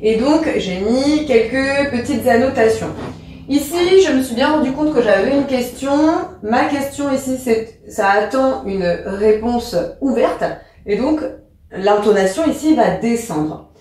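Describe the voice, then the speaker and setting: A woman's voice: fairly high pitch, expressive, measured pace, a little mellow, distant mic, slight background noise. A woman teacher giving a lesson, patient and step-by-step. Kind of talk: explanatory lesson. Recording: very echoey room.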